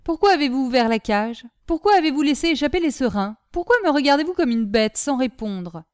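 Woman doing an impatient mistress of the house: sharp, cross questioning, pitched up. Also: expressive, fairly quick, clean tone, no room sound, studio quality. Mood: irritated. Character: stern, irritated lady of the house.

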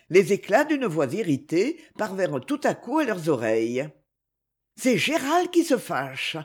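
A woman narrating a novel aloud in an expressive storytelling manner. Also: fairly low pitch, slightly rough. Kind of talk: audiobook narration.

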